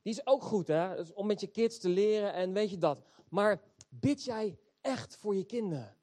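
A man's voice: sits high, lively intonation, moderate pace, darkish tone. A man preaching a sermon, reading scripture aloud and then urging the congregation on.

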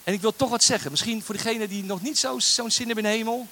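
A man preaching a lively sermon as a guest speaker, joking and getting the congregation to say lines along with him. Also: high voice, fast talker, slight background noise. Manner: animated, jokey, leads the crowd in call-and-response.

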